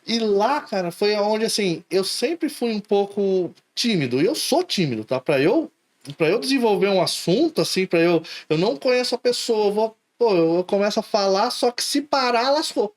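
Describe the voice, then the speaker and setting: Podcast guest, São Paulo-accented Brazilian man, animated storyteller, chatty. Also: high voice, normal speed. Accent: Brazilian Portuguese, São Paulo. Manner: animated storyteller, acts out his own catchphrases. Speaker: podcast guest, logistics professional. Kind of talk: casual podcast chat.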